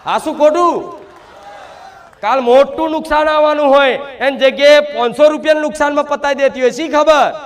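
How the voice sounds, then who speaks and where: A man, giving a devotional sermon in the first person as the goddess, emphatic and full of repeated rhetorical questions. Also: extremely high pitch.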